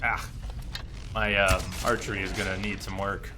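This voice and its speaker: A man with a low voice and level tone livestreams a video game at a moderate pace, with game music playing behind him. He chats casually and thinks aloud while commenting on his play.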